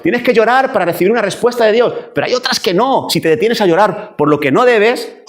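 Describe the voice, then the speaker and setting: Animated male pastor, slightly high voice. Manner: animated preaching, acting out wailing complaints. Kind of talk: sermon. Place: church.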